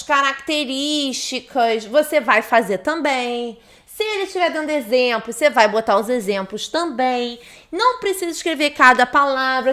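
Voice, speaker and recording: A young woman with a high, bright-sounding voice gives an online lesson. She is chatty and animated, laughs easily, and speaks straight to her viewers as she explains. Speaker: English test-prep teacher.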